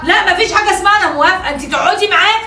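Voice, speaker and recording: A woman's voice: very high voice, rapid-fire, sharp tone, echoey room, distant mic. A woman with an Egyptian accent acting a scolding, insistent mother in a family sketch. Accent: Egyptian Arabic. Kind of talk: acted family drama sketch.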